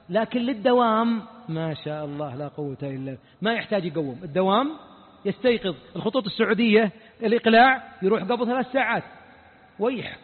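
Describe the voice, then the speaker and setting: A Saudi preacher delivers a mosque religious lesson with fervour, pressing his listeners with rhetorical questions. His voice sits strikingly high for a man. It carries a long reverb from a large hall, heard through thin, phone-like audio.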